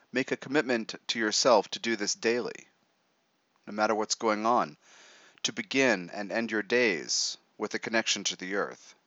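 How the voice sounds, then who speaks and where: Guy leading a guided meditation, kinda deep voice, measured short phrases, no room echo. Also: a bit bright, highs cut off. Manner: measured, instructive, pausing between short phrases.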